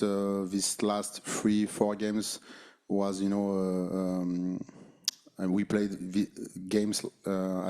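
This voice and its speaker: A male basketball coach with a French accent and French as his first language, answering at a postgame press conference in halting English, full of fillers and restarts. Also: deep voice, mellow.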